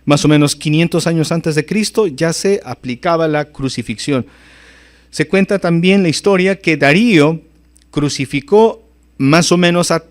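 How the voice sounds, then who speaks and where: A man preaching a sermon as pastor, emphatic and often calling out to his listeners as brothers and sisters, his voice rising sharply on key phrases. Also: a little high.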